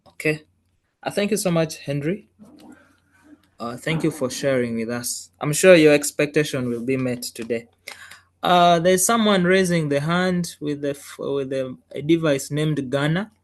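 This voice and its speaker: A man's voice: a little high, unhurried. A man hosting an online engineering class on a video call, welcoming participants and politely thanking each one.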